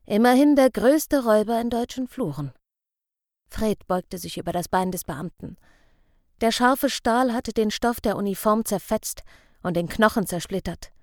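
A woman's voice: mid-range voice, dry recording. Woman narrating an audiobook, dry close sound. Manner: measured, expressive storytelling.

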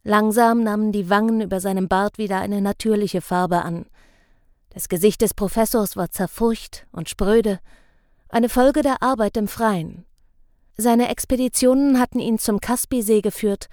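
Woman reading a novel out loud, calm and even, super dry close sound. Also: mid-range voice, dry recording. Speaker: audiobook narrator. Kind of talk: scripted narration.

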